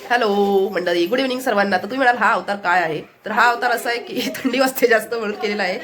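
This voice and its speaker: Fast-talking Marathi woman vlogger. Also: mid-range voice, fairly bright tone. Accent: Marathi, Konkan. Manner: chatty, shows things to the camera. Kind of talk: casual daily vlog narration. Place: family home, indoors.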